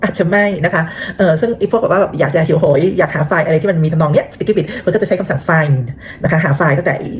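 A woman's voice: on the low side, fast, few pauses. A woman casually explaining a technical topic in a chatty way, with lots of fillers and rhetorical questions to her listeners. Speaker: cybersecurity talk host.

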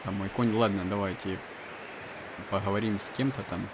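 Low-voiced man muttering casual gameplay commentary. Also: fairly even intonation, a little fast. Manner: muttering to himself, offhand. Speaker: let's player. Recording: game ambience and noise behind.

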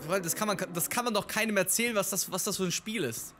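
Talking quickly in a medium-pitched voice, a young adult gamer reacts to a horror game with excited, profane commentary, yelping at each scare for viewers. There's background noise in the clip.

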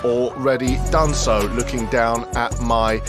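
A middle-aged English man impersonating an earnest, excitable football news pundit in a parody, repeating himself haltingly and starting upbeat before tailing off. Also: mid-range voice, music in the background, natural voice. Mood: earnest, buzzing. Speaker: impressionist presenting a football channel parody. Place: small room at home, indoors.

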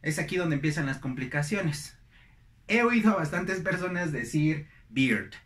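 A man's voice: on the high side, normal speed, a bit bright, reverberant. A young man teaching English pronunciation, repeating each word several times with stress. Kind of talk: slow, deliberate pronunciation lesson.

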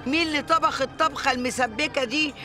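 An actress playing an earthy, blunt working-class older sister, scolding in Egyptian Arabic. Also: female voice, high-pitched, quick pace, music in the background, lightly acted. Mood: exasperated. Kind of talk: TV drama acting.

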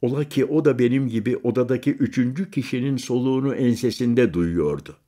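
A man narrating a literary audiobook in the first person, measured and slowing on quiet images. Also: medium pitch.

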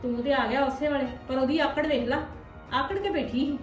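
A woman playing a sharp-tongued married sister visiting her brother's home, complaining and scolding, in a scripted family drama. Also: high-pitched, a little fast, recorded from a distance, soft background music, close to an everyday voice. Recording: echoey room from off-mic.

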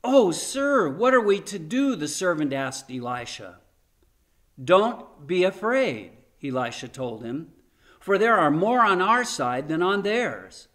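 A man's voice: high-pitched, very animated, slow, a bit bright. Earnest older man preaching at home. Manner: earnest storytelling, reads scripture with emphasis. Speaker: pastor. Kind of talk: sermon. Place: home room in front of a framed painting.

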